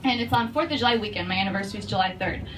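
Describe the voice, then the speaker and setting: A woman comedian telling a stand-up story, animated and profane, bursting into loud shouts. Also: medium pitch, rapid-fire. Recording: distant mic, noisy.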